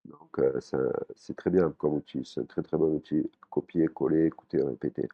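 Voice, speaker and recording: A man teaching a language lesson in a relaxed way, with frequent fillers, restarts and repeated words. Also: rumbling low, normal speed, slightly rough, lo-fi sound. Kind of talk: casual spoken lesson.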